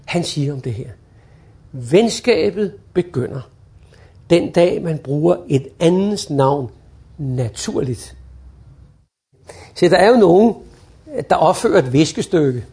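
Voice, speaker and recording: Male trainer, high voice with gravel, acts out phone calls for a class. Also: expressive, pauses often, warm tone. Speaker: customer service trainer. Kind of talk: lively training talk.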